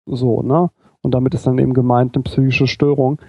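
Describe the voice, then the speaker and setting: A man co-hosting a casual discussion, telling anecdotes quickly with a wry edge. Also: mid-range voice, level tone, mellow, husky, no echo. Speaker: co-host.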